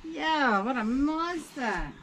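A woman chatting casually in exclamatory, drawn-out reactions. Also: sits high, animated, background noise. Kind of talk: casual chat.

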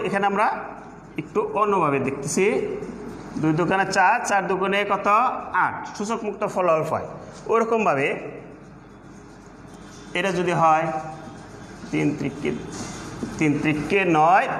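High-voiced man teaching math, echoey room. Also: fairly bright tone, a little hiss or hum. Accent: Bangladeshi Bengali. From Bangladesh. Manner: asks questions and answers them himself. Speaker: assistant teacher. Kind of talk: classroom math lesson. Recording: echoey room with long reverb.

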